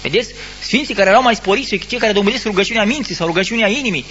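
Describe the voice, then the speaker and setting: High-voiced man preaching a stern sermon. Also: bright, forceful tone, muffled recording, slight background noise. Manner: admonishing, rhetorical questions, halting restarts. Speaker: Orthodox priest.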